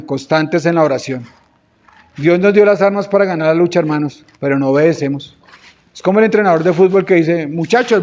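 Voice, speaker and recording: An earnest Colombian man preaches to his congregation with a fairly high voice. He fires rhetorical questions at his listeners and slips into quoted prayers as he exhorts them. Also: darkish tone, a little hiss or hum. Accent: Colombian Spanish. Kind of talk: sermon.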